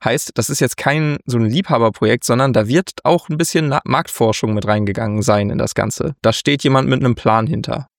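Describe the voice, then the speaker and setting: A man co-hosting a casual board game news podcast, relaxed and chatty, laughing often. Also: mid-range voice, fairly quick, vocal fry, few pauses, no room sound, clean studio sound. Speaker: podcast co-host.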